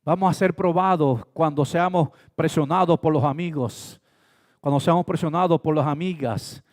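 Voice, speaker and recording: A male pastor delivers a sermon in a high voice. He swings from loud, pressing emphasis to quiet asides. He acts out brief exchanges to make his points. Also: moderate pace. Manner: preaching with sudden swings between loud emphasis and soft asides; acts out short dialogues in different voices.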